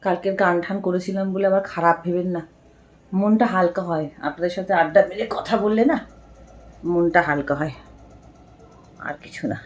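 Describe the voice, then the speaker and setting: A middle-aged woman speaks in a slightly low voice. She chats with her viewers in a confiding way and often repeats herself. She talks at home to a camera set some distance away. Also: steady tone, moderate pace, pauses often, a little mellow. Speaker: lifestyle vlogger. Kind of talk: casual chat to viewers. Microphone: camera set far away.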